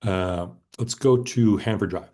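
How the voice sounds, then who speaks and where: Really deep voiced guy running a town meeting, lays stuff out step by step. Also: unhurried, mellow. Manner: orderly, walks through schedules and bids step by step. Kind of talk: committee meeting discussion. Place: town committee meeting room.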